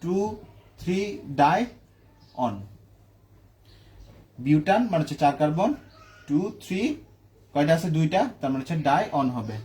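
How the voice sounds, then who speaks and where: Man, high-pitched, chemistry teacher, lecture style, asks and answers his own questions. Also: animated, a little slow, pauses often, dark tone. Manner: asks questions and answers them himself, checking "ঠিক আছে?". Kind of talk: classroom lecture.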